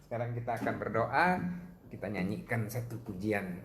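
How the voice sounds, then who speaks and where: Seorang pendeta pria menyampaikan khotbah doa secara daring. Ia bercerita dan memerankan suara orang dalam ceritanya sambil menyapa jemaat sebagai saudara-saudara. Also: male voice, normal speed. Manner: storytelling, addresses listeners as brothers and sisters; acts out quoted voices with higher pitch. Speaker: pastor. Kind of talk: livestreamed prayer sermon.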